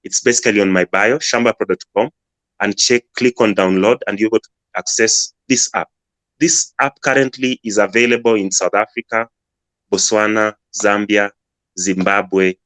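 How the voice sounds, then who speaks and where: Low-voiced Ugandan man pitching his app. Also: fairly bright tone, dry recording. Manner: earnest, explanatory, many restarts. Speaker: app founder, guest speaker. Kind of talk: casual pitch on a live audio room.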